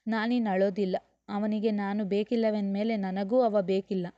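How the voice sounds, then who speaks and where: A woman voicing a young mother in an audiobook, scolding firmly at one point and speaking quietly and reflectively at another. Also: medium pitch, level tone, moderate pace, no room sound, lightly acted. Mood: sad resolve. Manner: firm scolding, then quiet reflective speech. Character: young mother, stern then gently resigned. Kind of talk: audiobook character voice. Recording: dull lo-fi dry recording.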